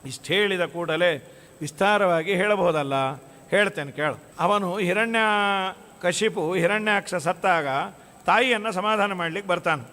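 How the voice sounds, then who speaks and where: Male devotional preacher, high clear voice, storytelling sermon, long hall reverb. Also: normal speed, bright, forceful tone. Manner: storytelling, acts out quoted dialogue; chants scripture verses in melody. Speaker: religious discourse speaker. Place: monastery hall.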